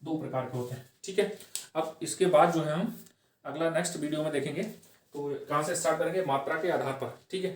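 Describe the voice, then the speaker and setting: A man runs an exam-prep grammar lesson, asking questions and answering them himself. He repeats key phrases slowly and keeps checking in with a quick "okay". His slightly raised voice comes from some way off the mic in a reverberant room. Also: fairly high pitch. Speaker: Hindi grammar teacher. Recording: echoey room, voice from far off the mic.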